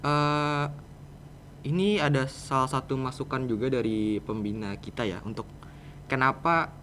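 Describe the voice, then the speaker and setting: This is a teen boy from Jakarta, judging by his Indonesian accent, who leads a podcast project and appears as a student guest. His medium-pitched, fairly bright voice runs a little slow as he answers questions casually and indirectly. There's clear background noise along with room ambience.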